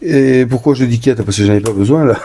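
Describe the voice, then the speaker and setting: A man's voice: mid-range voice, mellow. A man narrating his own solo board game playthrough in a chatty, enthusiastic way, talking himself through each move and sometimes stumbling and correcting himself. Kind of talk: casual solo game commentary.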